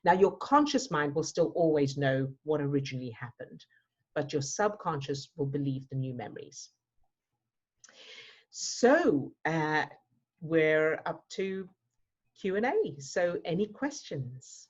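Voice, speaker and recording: A woman's voice: low voice, very animated, a little slow, breathy edge. A woman from South Africa, a mindset coach, answering questions in a workshop and explaining with repeated words as she thinks. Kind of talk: teaching a workshop Q&A. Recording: dull lo-fi audio.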